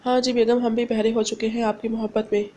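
A woman's voice: a little high, flat delivery, brisk, mellow, slight background noise, lightly acted. A woman voicing a loving young husband who soothes and teases his wife, read as part of a novel. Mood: teasing. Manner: soothing and playful.

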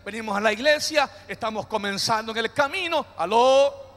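At a moderate pace, the pastor's extremely high, somewhat bright voice fills a church hall with long reverb. He delivers a sermon with call-and-response, getting the congregation to repeat him, and sprinkles in jokey, playful remarks.

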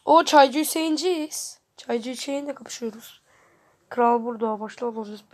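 A woman commenting live on her gameplay as a gaming channel host, excitable and frustrated, swearing constantly at the game. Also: a little high, moderate pace.

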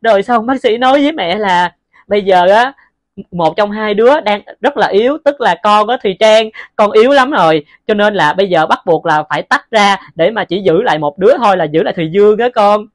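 A woman playing a grieving mother who pleads for forgiveness, speaking in a halting voice and repeating her words. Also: medium pitch, no echo, studio quality, natural voice. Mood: pleading.

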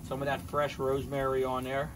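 A crowd can be heard behind this man in his fifties as he talks fairly quickly in a monotone, medium-pitched voice for a casual cooking vlog shot on a handheld phone. He cooks in his home kitchen, then grills on an outdoor deck, enthusing about fresh ingredients, sniffing and tasting, and repeating his catchphrases.

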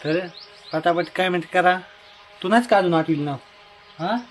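Outdoors by his house, a young family vlogger from Maharashtra, India talks casually to viewers on a phone camera, chatty and repetitive, often calling loudly to his wife. His voice sits high at a moderate pace, with faint music behind.

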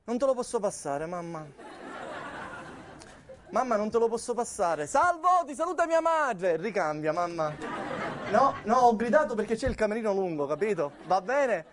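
A man's voice: sits high, sing-song, normal speed, a crowd in the background, background noise. A Sicilian man in his thirties on a theatre stage, doing a comic one-sided phone call in an anxious, placating manner. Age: 30s. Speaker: comedian.

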